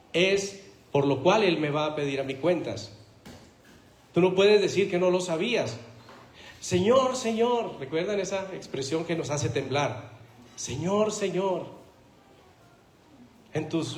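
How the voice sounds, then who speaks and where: A man's voice: a little high, reverberant. A man preaching a sermon as pastor, emphatic, asking the congregation rhetorical questions. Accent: Spanish-speaking Latin American. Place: church hall.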